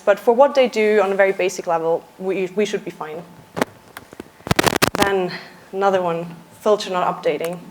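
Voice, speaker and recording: A young Austrian woman who works as a software engineer talks on a conference stage in a mid-range voice, captured in a low-quality recording. Her style is easygoing and a little jokey, with many uhs.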